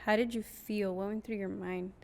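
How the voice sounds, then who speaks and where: A young woman hosting a podcast in casual chat, telling a story in a lively way and acting out quoted lines. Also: mid-range voice, normal speed, creaky.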